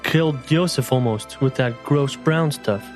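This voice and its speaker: A man's voice: medium pitch, unhurried, a little mellow, soft background music. A man chatting casually as a player in a tabletop game.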